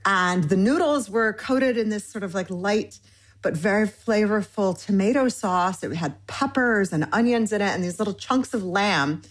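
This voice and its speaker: Animated and at a normal speed, a medium-pitched woman in her forties talks in a conversational interview. The cookbook author, from Michigan in the United States, eagerly strings together long winding lists packed with fillers.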